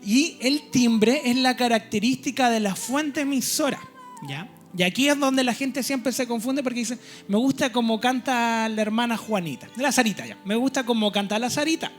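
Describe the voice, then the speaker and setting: A man's voice: very high-pitched, moderate pace, faint music behind. A man preaching a teaching sermon in a church. He explains step by step and keeps checking in with his listeners.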